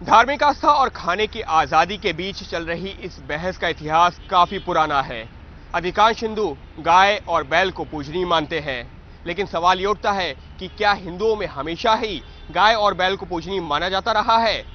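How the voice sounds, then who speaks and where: High-voiced male reporter with street noise. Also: animated, normal speed, highs cut off. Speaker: news reporter. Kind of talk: scripted news narration.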